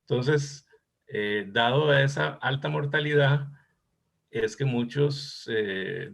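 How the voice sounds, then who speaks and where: A man's voice: medium pitch, creaky, slightly rough. A man, a cardiologist thoughtfully discussing a case in an academic session and reminiscing with some hesitation. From Costa Rica.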